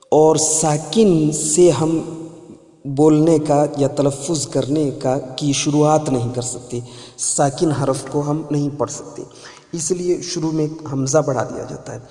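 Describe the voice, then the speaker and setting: A man's voice: on the high side, steady tone, mellow. A man giving a spoken grammar lesson as a teacher, patiently repeating key points for emphasis. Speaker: Arabic teacher. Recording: echoey room with long reverb.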